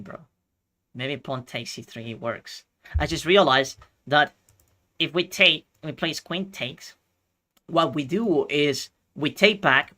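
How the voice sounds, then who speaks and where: Chilean guy streaming chess, talks thru every move to chat, bright tense voice. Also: a little high. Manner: thinks aloud, calculating moves and chatting with viewers. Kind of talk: live-stream commentary.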